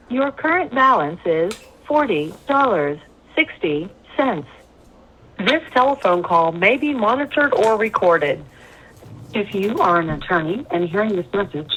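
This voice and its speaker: A woman's voice: mid-range voice, a bit bright. A woman's recorded voice giving automated prompts on a prison phone line, in a clipped and formal way. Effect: automated prison phone line message. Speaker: automated jail phone system announcer. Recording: dull lo-fi phone line with faint hiss.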